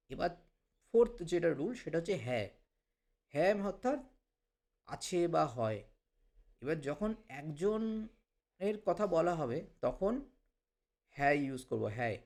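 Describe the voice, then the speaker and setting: A man with a Bengali accent teaching a language lesson, repeating example phrases slowly for learners. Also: high-pitched, a little mellow. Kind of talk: explanatory lesson.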